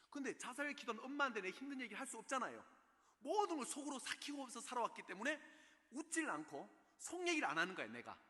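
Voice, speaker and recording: A man lectures on parenting at a church, pausing to put rhetorical questions to his listeners. His voice sits high and moves around a lot. The sound carries the long echo of a large church hall. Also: bright, forceful tone. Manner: keeps checking in with the audience through rhetorical questions. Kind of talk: special lecture at a church service. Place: church in Seoul.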